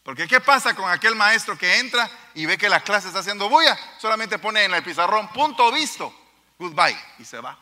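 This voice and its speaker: A man preaches a sermon in a church hall, his voice high and very bright. He speaks emphatically, turning straight to his listeners. Long reverb trails each phrase. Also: lively intonation, a little fast, few pauses. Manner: emphatic, addresses the congregation directly.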